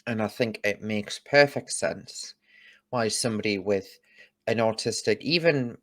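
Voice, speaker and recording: A man's voice: fairly low pitch, a little slow, a bit bright. A man from the UK, a guest in a casual conversation, explaining his views and thinking aloud with restarts. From United Kingdom.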